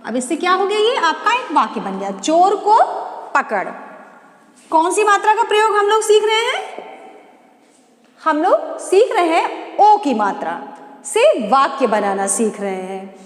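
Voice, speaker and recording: Woman, children's teacher, drawn-out syllables, high voice, echoey reverberant room. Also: big pitch swings. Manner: sing-song teacherly questions, drawn-out syllables. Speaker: primary school Hindi teacher. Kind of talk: slow classroom lesson, spelling out words.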